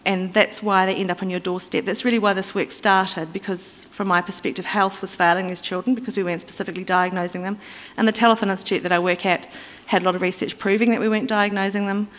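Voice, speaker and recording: A woman presents at a conference at a mid-range pitch, explaining step by step in a conversational way. She pauses on fillers and restarts now and then. Her voice carries a long reverb from the hall around her. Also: fairly even intonation, fairly bright tone. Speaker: conference speaker.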